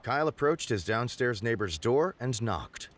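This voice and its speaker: A man's voice: medium pitch, big pitch swings, moderate pace, noisy background. A man reading out a text game's story in a dramatic storytelling manner, chuckling at times. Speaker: story reader.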